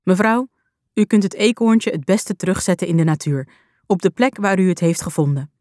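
A woman's voice: lowish voice, normal speed, darkish tone, dry recording, clean studio sound, natural voice. A woman voicing an unhelpful man on the phone in a children's storybook, speaking offhandedly. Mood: offhand. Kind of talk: storybook reading.

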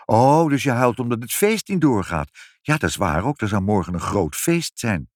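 A man voicing a kindly, fussing father in a read-aloud storybook, asking gentle questions. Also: mid-range voice, very animated, moderate pace, no room sound, clean studio sound, voice pushed up. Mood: coaxing.

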